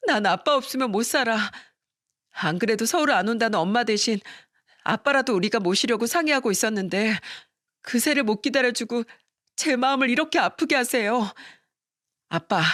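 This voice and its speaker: Woman doing a weepy pleading daughter, higher and brighter than the narration, dry close sound. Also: no echo. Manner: pleading, sobbing. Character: tearful devoted adult daughter. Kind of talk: story radio acting.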